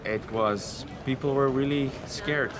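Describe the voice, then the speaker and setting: A man traveler answering questions outdoors in a relaxed, easygoing way. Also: mid-range voice, a little slow, a crowd in the background. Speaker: tourist interviewee. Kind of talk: casual street interview. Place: outdoors by a city river. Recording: street noise outdoors.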